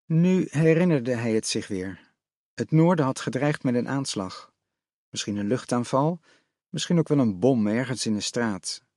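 A man narrating an audiobook in a measured storytelling manner. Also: mid-range voice, expressive, darkish tone, dry recording, studio quality.

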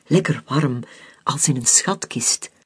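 A storyteller reading a children's story aloud, expressive, with soft whispered passages. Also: medium pitch, slow pace, husky.

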